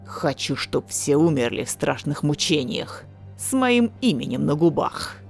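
Possessed young man, low, slow, menacing growl, read by a woman, faint music. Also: sing-song, gravelly, darkish tone, exaggerated voice. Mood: sneering. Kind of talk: audiobook character voice.

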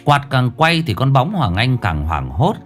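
A man narrating a ghost story in a dramatic, expressive way. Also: mid-range voice, unhurried, faint music behind.

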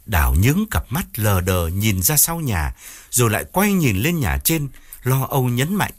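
A male narrator telling a dramatic audiobook story in an expressive, swooping delivery. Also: medium pitch, moderate pace. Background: faint background music.

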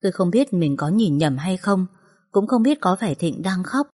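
Woman, storyteller, first-person sad tale, mellow, breathy, lowish voice. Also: lively intonation, moderate pace. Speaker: narrator.

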